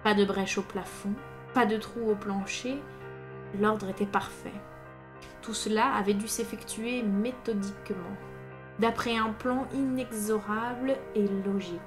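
A woman narrates an adventure story with an expressive, dramatic delivery. Her voice sits at an ordinary middle pitch. Faint piano music plays behind her. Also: unhurried. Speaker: audiobook reader.

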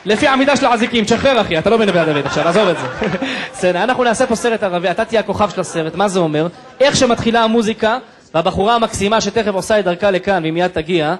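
A male comedian doing teasing, bossy crowd work on a stage in front of a live audience. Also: high-pitched. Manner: teasing, bossy director banter. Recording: live show with audience noise.

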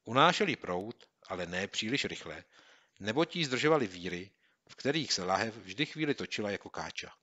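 Bright-voiced male audiobook narrator. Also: on the low side, dull audio. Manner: steady, clear storytelling. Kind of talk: scripted narration.

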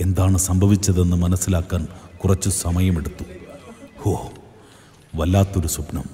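A man narrating a horror audio story in an intense, theatrical way that rises to shouts. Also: low-pitched. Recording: reverberant with music behind.

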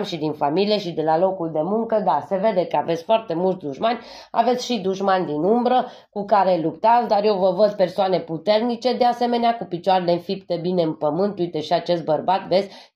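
A woman's voice: fairly low pitch, a little mellow. A woman from Transylvania doing a tarot reading for her viewers. She is a little congested from a cold, speaks to them fondly and keeps checking in with a questioning "yes?". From Transylvania, Romania. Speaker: tarot card reader. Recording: dull lo-fi recording.

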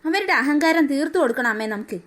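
This is a smug, scheming aunt from a cartoon story who sneers at the family she dislikes, as a woman voices her. Her voice sits very high, and her delivery is sarcastic. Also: lively intonation, rapid-fire, fairly bright tone. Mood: sneering. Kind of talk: cartoon voice acting.

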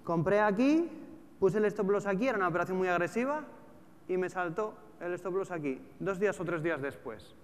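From a large auditorium stage, a man in his thirties with a European Spanish accent speaks to seated listeners in a high, fairly quick voice. He is a trader and trading educator, and his talk is informal and colloquial, full of rhetorical questions. The recording has hall echo and background noise.

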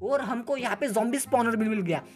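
A man hosting a gaming channel talks through his gameplay at a rapid clip. He is excitable and keeps firing off slangy exclamations. Faint game music plays underneath. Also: very high voice. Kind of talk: Let's Play gameplay commentary.

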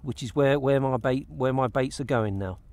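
A man's voice: mid-range voice, moderate pace, darkish tone. A middle-aged man on a kayak out on open water, talking casually to an action camera and explaining his fishing step by step, often restarting his phrases. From England. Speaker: fishing vlogger. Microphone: action camera mounted on the kayak.

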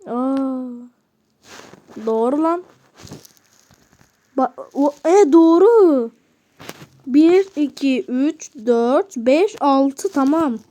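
A woman's voice: high-pitched, extremely slow, long pauses, dark tone. A woman giving casual commentary while playing a game, chatting and muttering to herself with frustrated outbursts. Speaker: gamer.

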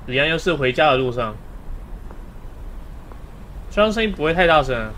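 A man's voice: a little high, animated, normal speed, a bit bright. A young man gives casual, chatty horror game commentary, muttering reactions and frequent exclamations as he plays. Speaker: gaming streamer. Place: indoor room, webcam setup. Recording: clear noise, game ambience behind voice. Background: horror game sound effects.

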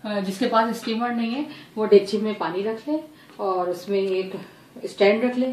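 A woman's voice: medium pitch, normal speed, a little mellow. A woman in her forties hosting a home cooking demo, plainly explaining each step to viewers. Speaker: home cook, cooking channel host. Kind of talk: casual cooking demo chat. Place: home kitchen. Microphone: far camera. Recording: echoey kitchen from far, clattering pots.

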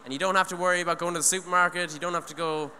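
On stage in a big hall at an environmental event, a young adult from Ireland rambles earnestly into a handheld microphone, often restarting and saying "you know". He talks very fast in a high, sharp voice with fairly even intonation. Long reverb from the hall and a little background noise are audible.

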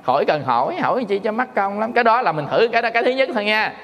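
A man's voice: sits high, expressive, racing, a bit bright. A middle-aged man from Vietnam, a Buddhist monk giving a folksy, joking dharma talk in which he acts out quarrels. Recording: long hall reverb.

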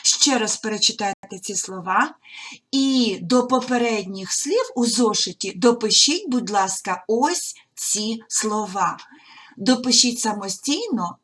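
A woman teaching a primary school language lesson on video, sounding out words slowly and carefully as if dictating. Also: mid-range voice, expressive, a bit bright, slightly rough. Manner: slow, careful dictation-like articulation, stretching out words.

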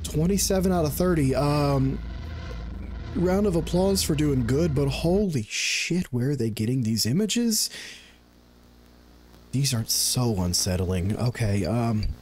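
With game music playing behind him, a man in his thirties hosts a gaming video from an indoor setup, talking over gameplay in a casual, joking way, repeating himself a lot and cursing. His medium-pitched voice is animated, unhurried and a little mellow. The close desk microphone and headset pick up a slight hiss or hum.

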